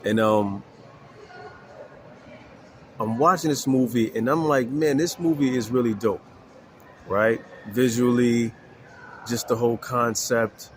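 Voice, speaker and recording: A man in his forties, congested from allergies, talking slowly to viewers about faith and films with many pauses, fillers and "right?". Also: mid-range voice, slight background noise. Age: 40s. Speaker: faith vlogger. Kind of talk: casual spiritual talk to viewers.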